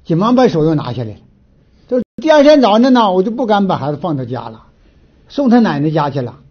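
Northeastern Mandarin man, folksy lecturer, high animated voice, restarts a lot, muffled lo-fi audio. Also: quick pace, breathy edge. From Northeast China. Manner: animated storyteller, frequent filler restarts. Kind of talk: folksy moral lecture with storytelling. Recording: dull lo-fi recording.

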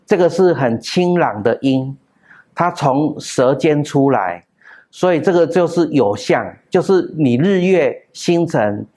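A man giving a classroom lecture on classical texts, explaining step by step with drawn-out particles and sung example tones. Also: on the high side, darkish tone. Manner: explains with pauses, drawn-out particles, chants and hums sounds.

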